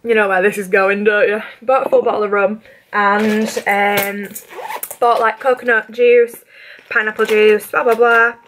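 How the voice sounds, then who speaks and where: A woman's voice: medium pitch, level tone, a little slow, fairly bright tone, a little hiss or hum. A woman in her twenties with a British accent, chatting casually through a makeup tutorial, rambling with lots of fillers. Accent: British English. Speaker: beauty vlogger. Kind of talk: casual get-ready-with-me chat.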